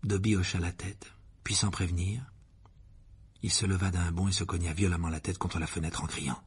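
A man reading a storybook aloud as an audiobook narrator, in a measured and expressive way. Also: low-pitched, husky.

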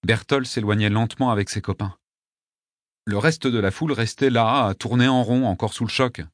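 A man narrating a story in a steady, measured way. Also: mid-range voice, dry recording, studio quality. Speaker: audiobook narrator. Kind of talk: scripted narration.

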